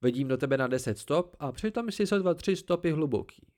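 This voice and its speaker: Man doing a tree spirit, cold, dry, disdainful, higher pitched, unhurried. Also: animated, a little mellow, natural voice. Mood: haughty.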